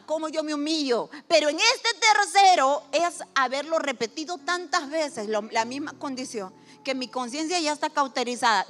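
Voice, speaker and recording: A woman preaching a sermon with a high, bright voice. She talks animatedly, rising to loud emphasis and falling to hushed asides, and acts out people's words in little quoted voices. Soft music plays faintly behind her. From Honduras.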